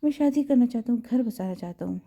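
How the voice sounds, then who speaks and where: A woman's voice: fairly high pitch, lively intonation, gravelly, dark tone, slightly rough, exaggerated voice. A woman voicing a blunt young male friend. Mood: earnest. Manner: blunt, scolding. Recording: slightly dull lo-fi recording.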